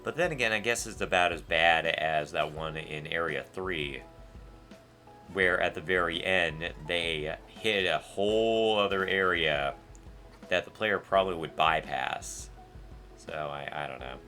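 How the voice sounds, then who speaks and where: Man, let's play host, casual gameplay commentary, low voice, bright tone, rambling, sarcastic. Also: measured pace. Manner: animated, rambling, sarcastic asides. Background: faint game music.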